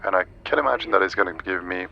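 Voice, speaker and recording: A man's voice: low-pitched, very fast, dull audio, slight background noise. A man streaming a flight simulator, thinking aloud through each step as he gives live commentary and makes pilot radio calls.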